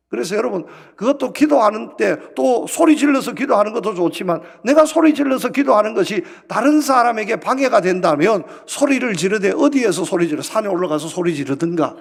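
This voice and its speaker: Male pastor, high and lively delivery, rhetorical sermon style, gravelly edge, reverberant sanctuary. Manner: preaching with rhetorical questions, rising and falling emphasis. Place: church sanctuary. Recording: long hall reverb.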